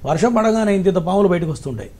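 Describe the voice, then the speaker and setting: A male astrologer with a high voice and a rapid, clipped delivery. He lectures callers bluntly and tells them what to do. He speaks in a call-in advice format. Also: animated, mellow.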